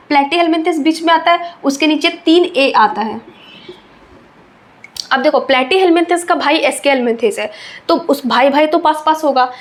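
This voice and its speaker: High-voiced woman teaching a biology lesson. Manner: repeats key terms slowly, checking in with "ठीक है?". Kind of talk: exam-prep biology lecture.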